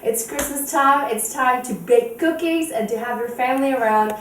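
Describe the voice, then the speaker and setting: A woman's voice: high voice, moderate pace, fairly bright tone. A woman hosting a home cooking demonstration in her kitchen, chatty and giggly as she walks through each step. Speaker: cooking show host. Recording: echoey kitchen, distant mic, faint noise.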